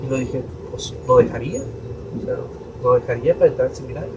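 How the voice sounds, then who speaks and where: A man's voice: mid-range voice, fairly quick. A young adult priest tells a personal story on a podcast, acting out his parents' voices as he goes. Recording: distant mic with steady room noise.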